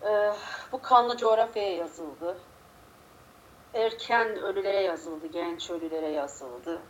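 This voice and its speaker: A woman's voice: fairly low pitch, slow. A woman poet being interviewed, a little unwell, her voice slightly muffled and strained. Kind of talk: conversational interview with a poetry reading. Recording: clear background noise.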